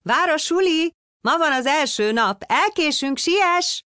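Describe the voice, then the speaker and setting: A woman voicing an eager, stubborn little boy clownfish in a storybook reading, with a squeaky high voice. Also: a bit bright, no echo, studio quality. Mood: excited.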